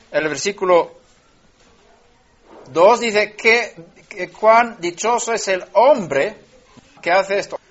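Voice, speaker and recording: A man teaching scripture verse by verse, restarting words mid-phrase and rising in pitch and loudness when he stresses a verse. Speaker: Bible teacher. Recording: lo-fi dull recording.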